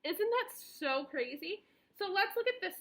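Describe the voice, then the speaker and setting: A woman teaching young children as if reading to a toddler, encouraging them in simple phrases, stressing key words and pausing for replies. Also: very high voice, lively intonation, fairly bright tone. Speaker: preschool teacher.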